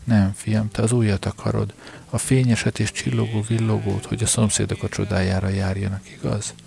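A man's voice: lowish voice, little pitch movement, vocal fry, darkish tone. A man playing a weary, stubborn older shopkeeper father who grumbles sarcastically in an audiobook. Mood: sarcastic. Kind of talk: audiobook character reading.

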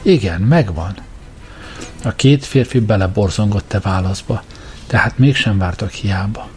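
A man narrating an audiobook in a measured, even way. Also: on the low side, faint music behind.

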